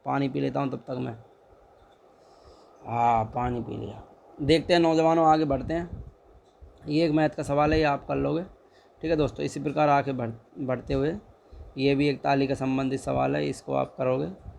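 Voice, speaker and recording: A man's voice: medium pitch, flat delivery, moderate pace, vocal fry, darkish tone, a little hiss or hum. A young man tutoring exam questions in a casual, chatty way, repeating each answer and urging viewers to like and subscribe. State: dry throat.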